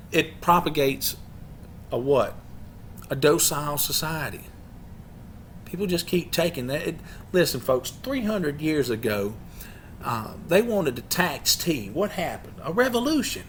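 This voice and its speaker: A man's voice: mid-range voice, fairly bright tone, slight background noise. A man hosting a channel, leading a lecture-style study session, who speaks emphatically, keeps asking his listeners rhetorical questions and often restarts his words. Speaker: YouTube channel host leading a study group. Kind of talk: lecture-style talk to a group.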